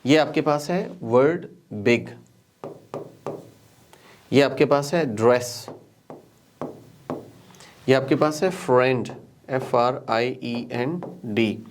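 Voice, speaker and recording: A man's voice: medium pitch, slow, pauses often, slight background noise. A man with a Pakistani accent teaching English pronunciation, repeating words one by one for learners. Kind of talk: classroom lesson mixing Hindi-Urdu and English.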